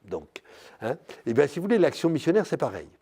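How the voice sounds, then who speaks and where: An older man, a priest, giving a spiritual lecture in a slow, searching way, full of pauses and filler words like "hein" and "euh". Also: fairly high pitch, big pitch swings, warm tone, slightly rough. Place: parish hall or church.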